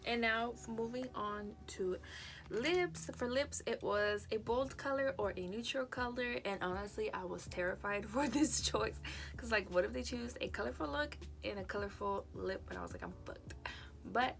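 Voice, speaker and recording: A woman's voice: a little high, normal speed, gravelly, soft background music. A young woman doing a casual makeup tutorial, chatty and swearing freely. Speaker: beauty vlogger.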